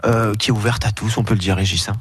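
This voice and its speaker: A man's voice: on the low side, fairly even intonation, quick pace, slight background noise. A man working as a radio reporter, chatting casually with a guest and dropping plenty of fillers.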